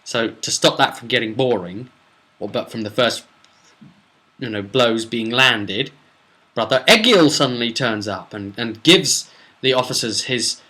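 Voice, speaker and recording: Speaking a little slowly in a medium-pitched voice with a sharp tone, this British man recaps a role-play session as its game master. His recap is casual and rambling, wandering off to explain details and quote his characters.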